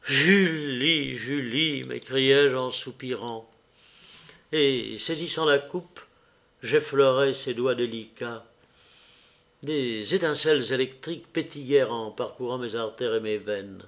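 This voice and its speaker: A man reading a classic fantastic tale aloud in a measured, expressive way. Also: medium pitch. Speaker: audiobook reader. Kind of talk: literary audiobook narration.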